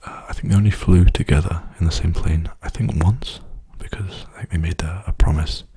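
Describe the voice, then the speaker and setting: A man speaking in a soft, hushed ASMR style, often slipping into a whisper as he rambles casually and gently. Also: low voice, steady tone, brisk, slightly rough. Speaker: ASMR video host. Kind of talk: softly spoken ASMR rambling.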